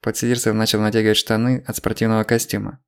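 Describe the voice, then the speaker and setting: A man narrating an audiobook in a steady, measured reading. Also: on the low side, clear, resonant tone. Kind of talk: scripted narration.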